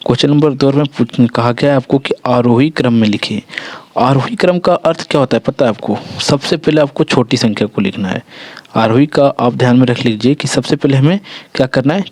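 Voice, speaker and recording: A male teacher with a Jharkhand Hindi accent walks students through a school maths lesson, pausing often to check they follow. He corrects his own slips as he goes. His mid-pitched voice sounds dry and close, with no room echo. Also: a little mellow. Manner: explains step by step, often checks in with "ठीक है" and "देखिए". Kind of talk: classroom-style maths lesson.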